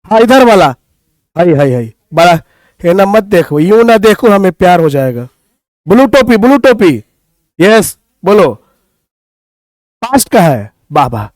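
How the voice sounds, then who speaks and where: A man's voice: high-pitched, lively intonation, unhurried, pauses often, a little mellow, no echo. A man with a Bhojpuri accent teaching English grammar to a class, playfully teasing students and reciting verse. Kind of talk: classroom teaching with poetry and banter.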